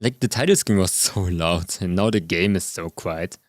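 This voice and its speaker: A man's voice: low voice, normal speed, no echo. A man chatting casually while playing a co-op game, laid-back and laughing often, his voice a bit muffled from being close on his mic. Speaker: co-op gaming partner. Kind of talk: casual gaming chat. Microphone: close microphone, muffled.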